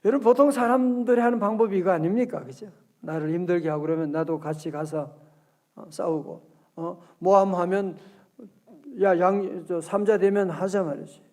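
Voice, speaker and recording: A high-pitched male pastor gives a lively, conversational sermon at an early-morning prayer service. He poses questions to the congregation throughout and reads scripture aloud slowly.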